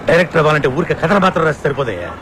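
A man's voice: fairly high pitch, sing-song, racing. An actor playing a scheming male producer who lays out a sly plan in a comedy film. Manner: scheming, conspiratorial. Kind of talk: comic film dialogue. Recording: street traffic noise behind.

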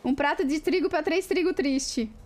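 A high-pitched Brazilian woman streamer in a loose, playful live chat. She greets viewers by name and giggles whenever her tongue trips over a twister. Soft music plays faintly behind her. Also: normal speed. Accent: Brazilian Portuguese.

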